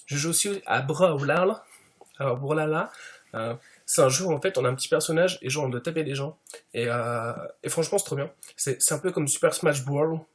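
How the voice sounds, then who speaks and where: A man's voice: a little high, brisk. A man doing a comedic parody monologue as a smug show-off, padding every sentence with fillers. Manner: smug show-off persona, heavy fillers, constant "tu vois". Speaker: YouTuber.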